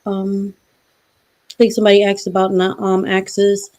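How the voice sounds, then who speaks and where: A woman's voice: medium pitch, monotone, a little slow, darkish tone. A woman in a casual chat, giving practical, matter-of-fact advice.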